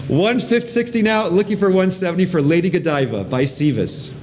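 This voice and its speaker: A man's voice: sits high, a little mellow. A man working as an auctioneer, calling bids in a live auction with repeating patter.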